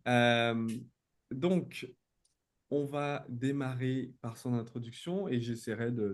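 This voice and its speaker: A man's voice: on the low side, a little mellow. A man with a French accent hosting a live-streamed interview, speaking enthusiastic, loosely worded English. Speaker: host.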